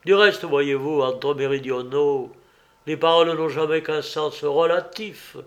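A man reading aloud voices a jovial, expansive middle-aged southern politician who talks loudly and persuasively. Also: a little high, unhurried. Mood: hearty, persuasive.

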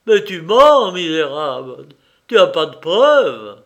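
Male reader as an older professor, besotted and volatile, slow delivery, storybook drama. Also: fairly high pitch, highs cut off. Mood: furious. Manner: tender devotion turning to raging outbursts.

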